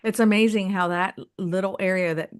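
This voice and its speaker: A woman's voice: medium pitch, fairly even intonation, brisk, smooth, no room sound, studio quality. A middle-aged woman hosting an interview, asking guests effusive personal questions. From Mississippi, United States. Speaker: host. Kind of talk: interview conversation.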